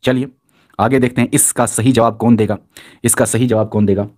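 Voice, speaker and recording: A man's voice: mid-range voice, fairly quick. A man teaching a live online quiz class, reading out student answers and cheering them on with repeated praise. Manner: energetic, encouraging, repeats praise.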